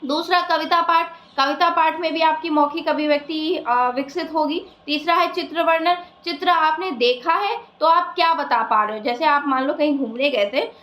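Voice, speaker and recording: A high-pitched woman teaches an exam-prep lesson. She explains things one step at a time and keeps checking in with her listeners. Her voice rings in a roomy, echoey space. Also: moderate pace, hardly any pauses, fairly bright tone. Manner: explains step by step, many fillers and "ठीक है" check-ins.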